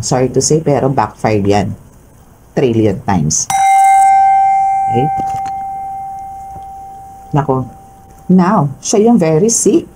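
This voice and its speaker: Woman, Filipino accent, tarot reader, low voice, emphatic, keeps asking "no?", faint background hiss. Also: warm tone, low-quality recording. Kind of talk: collective tarot reading for viewers.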